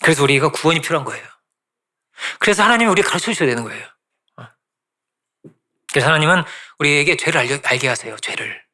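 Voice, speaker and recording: A man's voice: a little high, animated, quick pace, long pauses, bright, forceful tone. A male pastor giving a conversational sermon, often asking the congregation "right?" and repeating phrases for emphasis.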